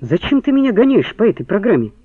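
A man's voice: high voice, sing-song, fast talker, slightly rough, no echo, pitched above the performer's own voice, heavily acted. A man reading the part of an edgy, defensive man suspected of murder, snapping irritably. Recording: tinny phone-like band, dry.

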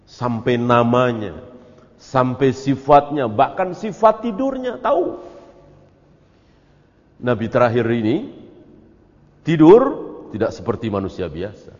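A man's voice: medium pitch, sing-song, slow, pauses often, a little mellow. A man teaching as an Islamic teacher in a religious study lecture, asking rhetorical questions and answering them himself. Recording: echoey hall, dull lo-fi audio.

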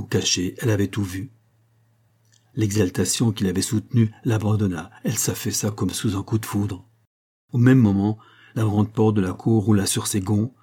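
A man narrating a novel chapter in measured, scripted storytelling. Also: on the low side, mellow, husky. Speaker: audiobook narrator.

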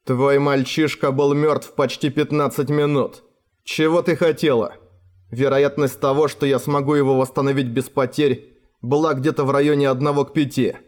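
A man's voice: medium pitch, little pitch movement, normal speed, darkish tone, close to an everyday voice. A man voicing a sardonic official who speaks with cool, mocking sarcasm. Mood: challenging. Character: sardonic, unflappable male official, a consul.

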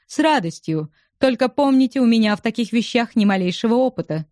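A woman voicing a drily ironic, unflappable gentleman who speaks deadpan. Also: a little high, a little fast, dry recording, clean studio sound, close to an everyday voice.

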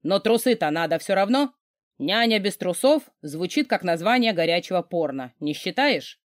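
A woman's voice: lowish voice, lively intonation, moderate pace, no room sound, clean studio sound, close to an everyday voice. A woman voicing an overbearing wealthy man, a huge mocking boss who barks orders. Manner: gruff, barking, mocking orders.

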